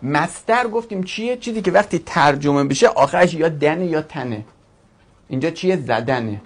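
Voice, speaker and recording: A man teaching a grammar lesson to a class, drawing out each word form slowly and asking questions he then answers himself. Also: a little high, lively intonation. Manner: drills word forms slowly, stretching each syllable.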